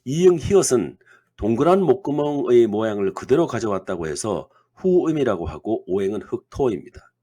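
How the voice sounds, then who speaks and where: Guy lecturing slow and steady, husky voice, pitch moves around a lot. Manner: measured, reads lists item by item. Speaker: naming-theory lecturer. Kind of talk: scripted explanatory lecture.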